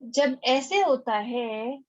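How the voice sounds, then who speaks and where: Woman teaching an online class, high-pitched. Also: expressive, very slow, a little mellow, highs cut off. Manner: explaining step by step, checking in with students. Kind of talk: online lecture.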